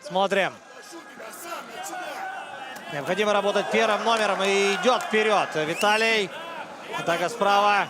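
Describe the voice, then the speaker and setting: A man's voice: high-pitched, measured pace, long pauses, very noisy. A man giving live commentary on a mixed martial arts fight. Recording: loud crowd and music behind. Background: arena crowd and music.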